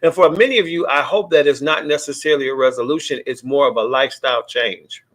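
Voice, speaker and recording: A relaxed, chatty pastor hosting his own live stream, speaking at a middling pitch. He drifts between gentle preaching and playful impressions of people he's poking fun at, and calls out viewers' names warmly as they join. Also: fast talker. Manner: casual, chatty, mimics people, greets viewers by name. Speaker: pastor and show host. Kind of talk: casual preaching talk on a live show.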